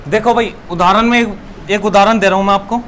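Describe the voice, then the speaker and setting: A man's voice: high-pitched, fairly even intonation, fast talker, a bit bright, slight background noise. A young man teaching a classroom lesson, repeating key words and asking questions he then answers himself.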